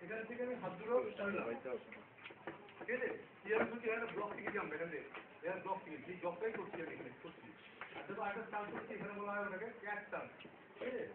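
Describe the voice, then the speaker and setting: Male martial arts teacher demonstrating moves, fast and high-pitched, recorded far off in an echoey space with heavy noise. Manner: instructive, checks often that students follow. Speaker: self-defence instructor. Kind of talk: live demonstration lesson. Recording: roomy, distant, phone-like sound with loud noise.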